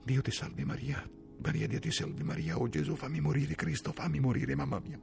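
A man voicing a dying young soldier who cries out in strained, high, pleading wails, in a dramatic audiobook reading. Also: brisk, creaky, a little mellow, faint music behind. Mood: anguished pleading. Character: dying young male soldier, wailing in agony.

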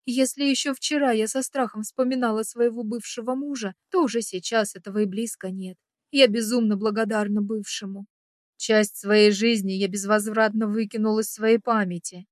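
A woman narrating a first-person audiobook in an emotional, expressive way. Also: mid-range voice, moderate pace, no room sound, studio quality.

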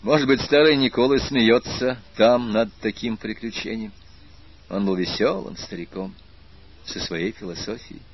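A man voicing a gloomy, remorseful young male graduate student with a husky, low voice in an audiobook reading. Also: fairly even intonation, unhurried, lo-fi sound. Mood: resolute.

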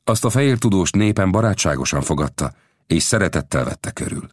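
A man voicing a proud young Apache chief in a storybook reading, speaking in a measured, formal and courteous way. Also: low voice, animated, dry recording, studio quality. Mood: dignified.

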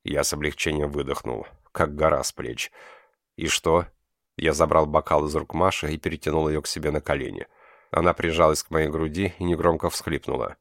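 A man's voice: a bass voice, steady tone, brisk, creaky, fairly bright tone, no room sound, clean studio sound. A man reading a novel aloud in the first person, narrating and voicing the husband. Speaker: audiobook reader.

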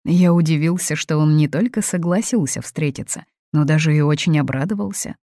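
A woman's voice: sits low, a little fast, dark tone, dry recording, clean studio sound. A woman reading an audiobook, voicing a meek young man who speaks mildly and apologetically. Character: meek young man under his mother's thumb.

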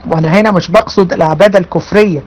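A woman's voice: on the low side, rapid-fire, a little mellow, rough recording. A woman with an Egyptian accent giving an online religious lesson, speaking emphatically, repeating her phrases and addressing her students directly. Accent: Egyptian Arabic. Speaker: religion teacher.

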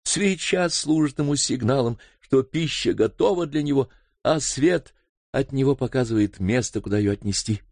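A man's voice: medium pitch, normal speed, a little mellow, no room sound, clean studio sound, voice pushed up, close to an everyday voice. A man reading an audiobook voices a frightened middle-aged housekeeper woman who pleads emotionally. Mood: pleading.

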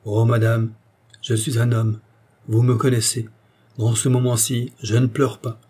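A man voicing a grave, brooding male nobleman who speaks calmly, firmly and with melancholy. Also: medium pitch, a little slow, breathy edge. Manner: calm, firm and melancholy.

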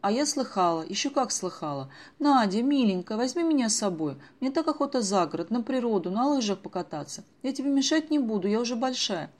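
A woman voicing an eager, witty teenage girl who pleads in a high, bright voice in an audiobook. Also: very animated, a little fast, few pauses. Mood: pleading.

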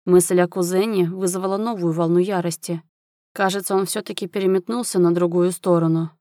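A woman narrating a fantasy novel aloud in an even, expressive reading. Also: lowish voice, a little fast, no room sound, clean studio sound. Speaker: audiobook narrator. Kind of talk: dramatic fiction reading.

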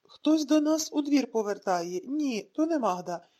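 Woman reading as an anxious old mum on the phone, keeps asking questions, slightly high voice. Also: lively intonation, unhurried, dark tone. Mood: worried. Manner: worried, questioning. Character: anxious elderly mother on the phone. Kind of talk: audiobook reading.

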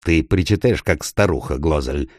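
A man's voice: extremely low pitch, moderate pace, no echo, clean studio sound. A man reading an audiobook, voicing a middle-aged usurper king who barks indignantly at his lords. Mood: furious. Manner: barking, indignant.

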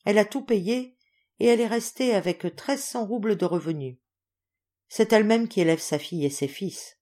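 A woman voicing a kind, thoughtful male officer who speaks in a measured and respectful way. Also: mid-range voice, dark tone, close to an everyday voice. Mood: earnest.

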